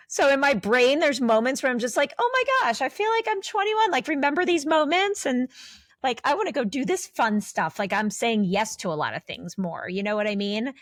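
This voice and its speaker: A woman in her forties co-hosts a podcast, talking candidly in a rambling, casual way with many restarts. Her voice is medium-pitched, and the recording is dry with clean studio sound.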